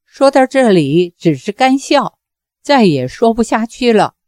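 A woman narrating a novel as an audiobook in a measured storytelling manner. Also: a little high, very animated, darkish tone, no echo, clean studio sound.

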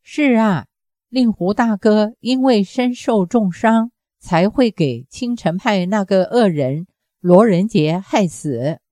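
A woman reading the lines of a young, gentle female nun in an audiobook, speaking softly with a choked-up, pleading manner. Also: medium pitch, expressive, takes it slowly, no echo, studio quality. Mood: sad.

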